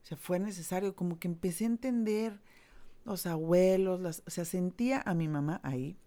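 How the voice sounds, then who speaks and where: A woman with a Mexican accent recounting a personal story in a casual, candid way. Her voice sits somewhat low and sounds soft and warm. She drops slang and swear words freely and speaks with open feeling. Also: normal speed.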